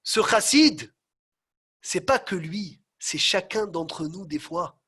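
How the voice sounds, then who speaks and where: Animated high-voiced rabbi teaching. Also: male voice, takes it slowly, slightly rough. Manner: animated, swings from loud exclamations to hushed tones. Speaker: rabbi teaching a Torah class. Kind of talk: storytelling Torah lesson.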